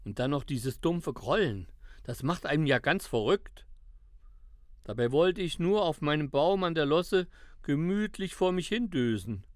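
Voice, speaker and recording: Man as a grumbling owl, raised pitch. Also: animated, unhurried, no room sound, studio quality. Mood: grumpy. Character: grumbling, sleepy male eagle owl, friend of children. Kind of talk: scripted children's audio drama acting.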